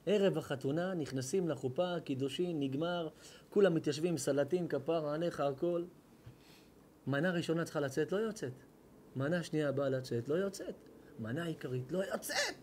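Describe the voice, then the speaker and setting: A man, a rabbi telling a sermon story and acting out its dialogue, swinging between hushed lines and loud bursts. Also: a little high, lively intonation, a little hiss or hum. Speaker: rabbi giving a Torah lesson. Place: hall at an evening lecture.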